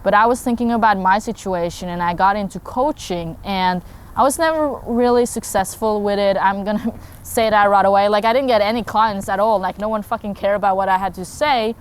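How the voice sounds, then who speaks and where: In a relaxed talking-head vlog, a young woman from Norway discusses being a content creator, wandering through her thoughts with many fillers and false starts. She speaks at a medium pitch, fairly quickly, and the tone is clean.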